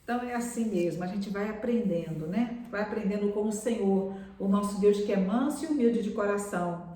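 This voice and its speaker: A woman preaches a sermon on a live stream and keeps addressing her listeners tenderly as beloved. Her voice is of middling pitch. She sounds far from the mic in a strongly echoing room. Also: a little fast. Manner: warm pastoral address, calls listeners "amados".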